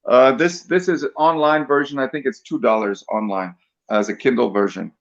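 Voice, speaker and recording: A man's voice: mid-range voice, steady tone, moderate pace, lo-fi sound. A man with a Liberian accent chatting and telling stories in exclamatory colloquial English, repeating phrases for effect. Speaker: storyteller and author. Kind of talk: animated colloquial storytelling and casual chat.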